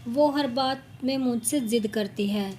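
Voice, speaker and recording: A woman's voice: fairly high pitch, a little slow, a little mellow, a little hiss or hum, lightly acted. A woman voicing an angry, stubborn elderly mother-in-law who speaks harshly. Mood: scolding. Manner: harsh, scolding.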